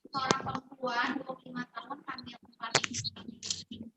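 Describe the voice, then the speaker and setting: A woman reading a case question aloud with halting fillers, her voice faint and distant as if the phone is held away from her on a video call. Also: high-pitched, level tone. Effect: faint, distant voice on a video call, mic held far away. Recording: dull lo-fi video call audio with faint noise.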